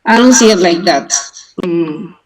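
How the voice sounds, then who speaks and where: Slow, halting Mexican Spanish-accented woman. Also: lowish voice, expressive, low-quality recording. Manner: hesitant, many fillers and restarts. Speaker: club member. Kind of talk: casual online conversation. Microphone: video call.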